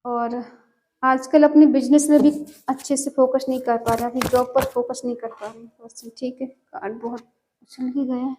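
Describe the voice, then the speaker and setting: A woman's voice: sits high, level tone, normal speed, darkish tone, a little hiss or hum. A woman giving a collective tarot love reading in an earnest, repetitive way, often checking in with the listener. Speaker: tarot reader.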